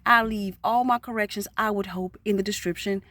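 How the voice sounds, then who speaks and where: A woman, vlogging casually and rushing through encouraging, preachy talk to her viewers. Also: medium pitch, steady tone, a bit bright. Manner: rushed, fast-talking, preachy encouragement.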